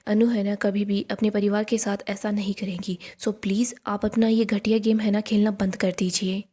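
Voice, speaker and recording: A woman's voice: mid-range voice, level tone, moderate pace, dark tone, breathy edge, close to an everyday voice. A woman voicing a loyal, outspoken woman friend who firmly defends another in a story recap. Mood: defending. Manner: firm, defending.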